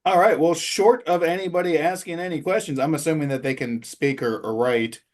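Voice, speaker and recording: A man's voice: a little high, fairly quick, a little mellow. Man wrapping up a webinar. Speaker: co-host. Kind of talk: webinar wrap-up.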